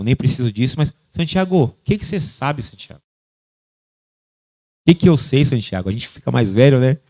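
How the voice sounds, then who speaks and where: A man, a pastor preaching a sermon and calling on church members by name, shifting between loud and quiet. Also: a little high, no echo. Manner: addresses congregation members by name.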